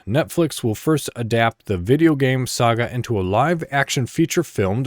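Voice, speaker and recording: A man of medium pitch hosts a solo podcast, speaking casually and conversationally with some rambling as he reads articles aloud. The recording is dry and of studio quality.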